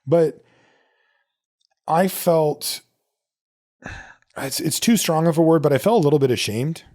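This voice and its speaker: A middle-aged American man with a fairly high yet dark-toned voice speaks a bit slowly as he hosts his podcast. Alone at the mic, he casually answers listeners' questions and shares personal stories.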